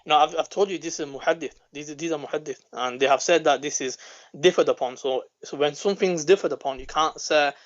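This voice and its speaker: A man calling in to a debate, measured and hesitant, often pausing with fillers. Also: on the high side, dull audio. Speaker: caller. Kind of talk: call-in debate.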